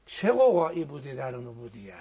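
A man's voice: mid-range voice, very animated, warm tone. A man giving a religious talk as a guest on a program, teaching earnestly and quoting Arabic prayers, his voice sometimes sinking to a near whisper.

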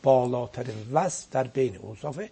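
Speaking at a medium pitch with vocal fry and a mellow quality, a man appears as a guest cleric on a broadcast program, delivering an earnest, emphatic religious lecture. He often repeats words for stress, and there's slight background noise.

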